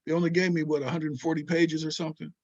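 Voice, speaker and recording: Speaking fast with little pitch movement, this fairly high, slightly mellow voice belongs to an older historian and author from Southern California being interviewed. He drifts through emphatic digressions, checking in with "right?" and "you know?", and the audio sounds dull.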